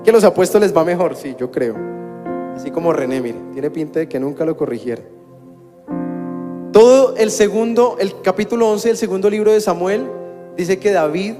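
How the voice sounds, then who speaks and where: A high-pitched man preaching a sermon, mixing plain talk with dry jokes at his own expense. His voice carries a long hall echo, and soft music plays faintly behind him. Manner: conversational preaching with wry humor. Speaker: pastor.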